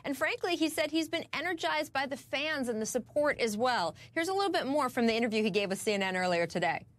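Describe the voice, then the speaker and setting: A woman's voice: high-pitched, expressive, quick pace, fairly bright tone. A woman with an American accent reporting sports on the news in an enthusiastic, emphatic, conversational way. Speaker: sports correspondent on a news broadcast.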